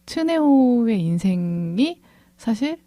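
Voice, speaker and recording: A woman co-hosting a podcast, calmly retelling a conversation as she discusses a film. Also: fairly high pitch, takes it slowly, dry recording. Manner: thoughtful, retells a conversation at length. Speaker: podcast co-host, film director.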